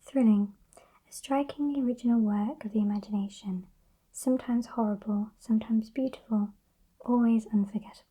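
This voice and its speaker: A British woman playing a gentle, bookish librarian in an ASMR role-play, murmuring softly and unhurriedly in a breathy soft voice. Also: a little high, fairly even intonation, a little fast, rough recording. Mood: hushed reading. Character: sweet, gentle, bookish woman librarian working late nights. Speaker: ASMR performer.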